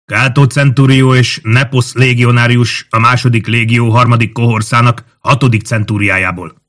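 A man's voice: mid-range voice, fairly even intonation, a bit bright, pitched above the performer's own voice, close to an everyday voice. A male audiobook narrator voicing a resolute young Roman centurion who speaks firmly and curtly. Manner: firm, commanding.

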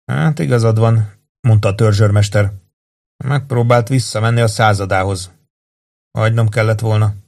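A man reading an audiobook voices a young male staff sergeant who speaks in a halting, agitated way. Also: fairly low pitch, steady tone, vocal fry, darkish tone. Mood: shaken.

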